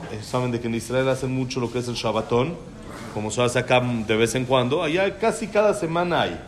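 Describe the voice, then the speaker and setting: A man telling a story to a class, animated and acting out the dialogue. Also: mid-range voice, fairly quick.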